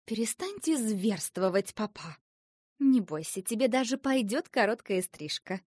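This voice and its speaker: A woman voicing a cold, sharp-tongued young river princess who scolds her father, as an audiobook character. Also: fairly high pitch, expressive, measured pace, husky, no echo, clean studio sound. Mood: reproachful. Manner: reproachful, coolly mocking.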